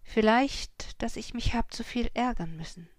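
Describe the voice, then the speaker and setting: A woman voicing a gruff, curt farmer in a storybook reading. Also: fairly high pitch, slow, dry recording, pitched above the performer's own voice. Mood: uneasy. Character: stern old farmer, grown man, uneasy.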